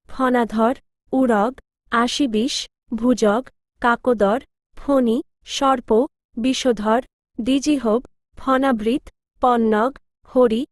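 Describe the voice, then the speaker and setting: A woman with a high voice recites study word lists at a deliberately slow pace. Each term is given on its own, evenly. The sound is dry and close. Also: no room sound. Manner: measured, list-like, one term at a time. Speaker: teacher reading vocabulary lists.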